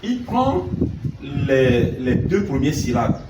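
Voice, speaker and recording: Here the music teacher is a man whose medium-pitched voice swings widely as he takes things slowly. He quizzes the class, supplies the answers, and sings note names up and down scales, captured from afar in a loud, reverberant room.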